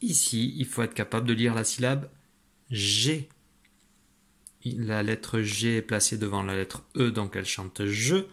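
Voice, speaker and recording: A man teaching French letter sounds to young children in a patient, encouraging way, slowly spelling out letters and syllables and praising the listener. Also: on the low side, steady tone. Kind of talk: phonics lesson for young children.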